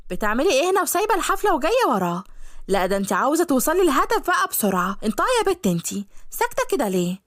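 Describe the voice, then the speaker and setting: A woman's voice: high voice, very animated, very fast, no echo, studio quality. A woman voicing a haughty, jealous young fiancée in an Egyptian-accented audio story, scolding and accusing in a raised voice.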